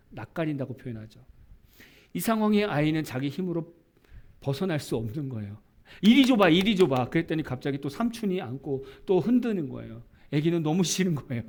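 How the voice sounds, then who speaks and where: A man's voice: fairly high pitch, a little mellow. A middle-aged male pastor preaching a sermon, asking rhetorical questions and acting out small everyday scenes.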